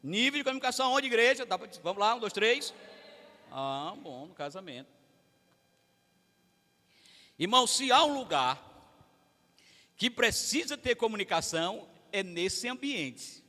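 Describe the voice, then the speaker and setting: A man's voice: sits high, lively intonation, normal speed, sharp tone. A man with a Brazilian Portuguese accent, preaching to a family service and talking straight to the congregation. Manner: conversational, addresses the congregation directly. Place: large church hall. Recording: echoey church hall.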